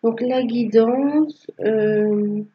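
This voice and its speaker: A woman giving a tarot reading to her viewers, with a halting delivery that repeats phrases. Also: a little high, dull audio. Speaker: tarot reader.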